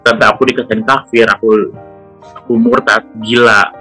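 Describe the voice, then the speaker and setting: A man's voice: on the low side, fairly even intonation, moderate pace, sharp tone, faint music behind. A man giving a casual spoken testimony, chatty, with frequent retelling of what he said and heard. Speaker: testimony speaker.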